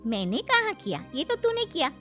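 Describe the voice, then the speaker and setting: A woman's voice: very high-pitched, wildly swooping pitch, moderate pace, a bit bright, soft background music, exaggerated voice. A woman voicing a scheming, spiteful older female friend in a cartoon story, with a gloating, conspiratorial manner. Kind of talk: cartoon voice acting.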